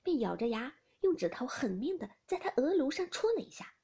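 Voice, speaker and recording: A woman reading a classic novel aloud, expressive, often dropping into a breathy whisper. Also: high voice, brisk. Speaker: audiobook reader.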